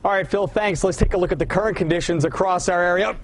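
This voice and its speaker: High, creaky male weather presenter. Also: quick pace, slight background noise. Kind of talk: live weather segment.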